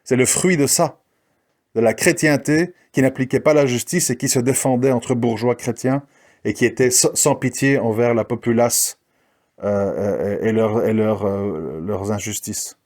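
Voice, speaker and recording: A man's voice: mid-range voice, measured pace, darkish tone. A man delivering a combative spoken monologue, challenging his listeners and mocking the people he criticizes. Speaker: commentator. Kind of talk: ranting monologue.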